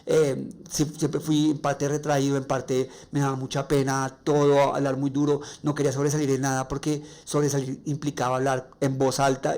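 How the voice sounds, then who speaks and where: A man with a Colombian accent and a nasal, raspy voice, hosting a faith-based podcast monologue and sharing personal stories earnestly. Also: medium pitch, a little mellow. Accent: Colombian Spanish. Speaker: podcast host.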